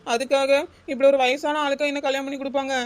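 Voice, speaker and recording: A woman's voice: high-pitched, level tone, fast talker, close to an everyday voice. A woman voicing a heartbroken young village woman in a cartoon, with a Kanyakumari Tamil accent. She complains in a tearful, whining way. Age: young adult.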